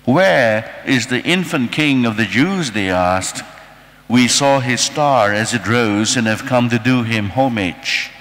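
A priest reading the gospel aloud in a measured, formal way during Mass, heard with a cathedral echo. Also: male voice, medium pitch, fairly bright tone. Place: large church. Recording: long echo in a large church.

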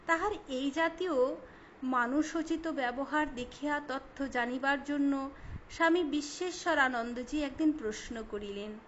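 High-voiced woman reading a biography. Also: fairly bright tone. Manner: measured, formal literary reading. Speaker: reader. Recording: slightly dull recording with faint hiss.

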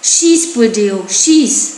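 A woman voicing a hostile crowd of villagers who shout threats. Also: a little high, expressive, drawn-out words, echoey room, a little hiss or hum, low-quality recording. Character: angry mob of villagers shouting.

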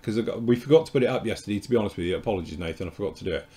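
A man's voice: fairly low pitch, rapid-fire, mellow. A man hosting a casual live show about model kits, talking in a loose, rambling, chatty way as he explains things. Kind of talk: casual live-stream chat.

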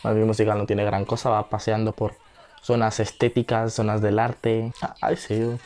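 A young man with a Spain Spanish accent giving chatty reaction commentary, now and then breaking into high squeals and gasps. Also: completely flat delivery, normal speed, darkish tone, faint music behind. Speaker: video reactor.

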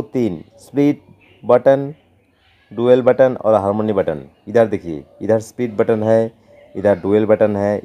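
A man hosting a keyboard tutorial, talking slowly and repeating himself, pleading with viewers. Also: on the low side, warm tone. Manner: slow, repetitive, pleading.

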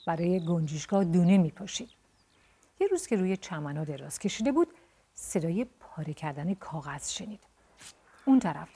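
A woman narrating a children's story in a calm, gentle storytelling manner. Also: fairly low pitch, husky.

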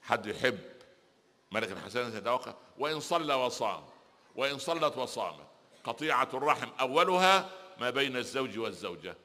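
A man's voice: medium pitch, very animated, a little fast, pushed and bright. A middle-aged man with an Egyptian Arabic accent, preaching a lecture with humorous stories and asking the audience rhetorical questions. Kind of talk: religious lecture with humorous anecdotes. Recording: long hall reverb.

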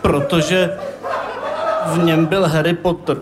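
A man doing a stand-up monologue, telling a story in a dry deadpan way. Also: a little high, over a noisy crowd. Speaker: stand-up comedian. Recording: live stage, loud laughing audience. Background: loud audience laughter and noise.

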